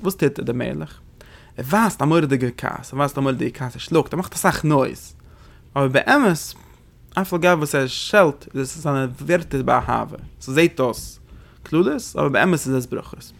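A man with a gravelly, creaky voice teaching a lesson on religious texts. He talks quickly and explains as he goes. He keeps asking rhetorical questions and then answers them himself. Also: medium pitch, fairly bright tone. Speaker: Torah teacher.

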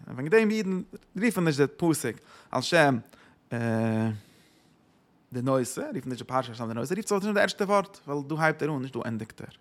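A man teaching a religious text lesson. He asks himself questions, answers them, and hits sudden loud stresses. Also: medium pitch. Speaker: Torah teacher.

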